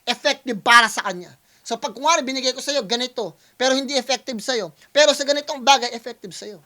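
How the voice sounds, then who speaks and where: This male music producer speaks with an extremely high, bright, forceful voice as he reacts to a rap battle. Talking casually to his viewers, he explains things step by step and at length, often checking in with "di ba?" while mixing English into his Tagalog.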